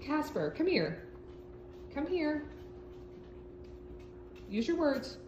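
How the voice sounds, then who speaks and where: A woman's voice: high-pitched, sing-song, very slow, darkish tone. Woman, mid voice, coaxing pet talk; roomy, muffled home clip with noise. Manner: patient, coaxing, asks the same question again and again. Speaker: dog owner.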